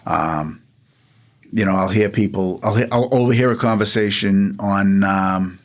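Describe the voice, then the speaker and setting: Low-voiced rambling comedian. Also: male voice. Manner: rambling, halting, joking. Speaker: comedian guest. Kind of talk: casual interview chat.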